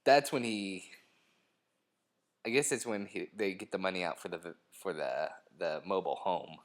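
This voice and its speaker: A man's voice: low voice, moderate pace. A young man co-hosting a casual commentary chat about a TV episode, joking around and trying out mock impressions. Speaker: podcast co-host.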